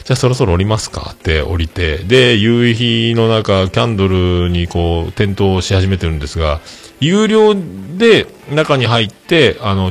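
A man with a who hosts a podcast, telling a story casually and acting out the dialogue with lively energy. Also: fairly low pitch. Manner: animated, acts out quoted dialogue. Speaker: podcast host.

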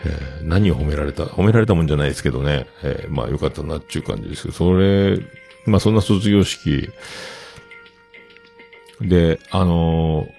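Deep gravelly man telling stories. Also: warm tone. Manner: chatty, acts out other people's lines in quotes. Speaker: host. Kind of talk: casual storytelling monologue.

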